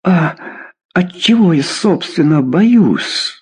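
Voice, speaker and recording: A man's voice: fairly high pitch, measured pace, warm tone, husky, pitched above the performer's own voice. A man voicing a terrified, hysterical young female suspect who shrieks and pleads. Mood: furious. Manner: shrieking, pleading, breaking into cries.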